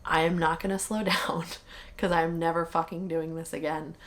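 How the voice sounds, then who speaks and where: A woman's voice: low-pitched, flat delivery, normal speed. A young woman vlogger telling her own marathon story in a candid, chatty way, full of fillers and mild swearing. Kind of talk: casual chat.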